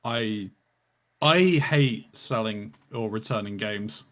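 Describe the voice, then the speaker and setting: A man's voice: fairly low pitch, slow pace, a bit bright. Guy on a stream call, hesitant, says um a lot, easygoing game talk. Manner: hesitant, many "um"s. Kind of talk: casual gaming chat.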